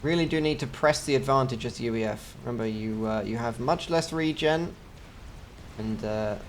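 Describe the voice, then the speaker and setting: A man's voice: mid-range voice, moderate pace, a little hiss or hum. Chatty English man casting a strategy game. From England. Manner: chatty, joking asides. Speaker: game caster. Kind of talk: video game commentary.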